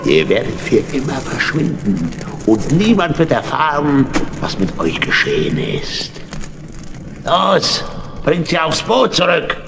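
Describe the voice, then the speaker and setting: An actor playing a boastful, gloating tomcat pirate villain in a children's audio play, with a theatrical, sneering, drawn-out delivery. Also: male voice, mid-range voice, wildly swooping pitch, creaky, full character voice. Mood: gloating menace. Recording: noisy, echoing old radio-play recording.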